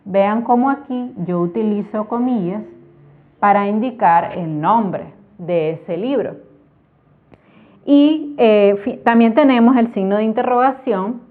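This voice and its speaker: Female teacher, patient step-by-step lesson, mid pitch, narrow phone-like audio. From Nicaragua. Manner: slow, careful explanation with spoken examples. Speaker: Spanish teacher. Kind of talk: online grammar lesson. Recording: tinny phone-like sound.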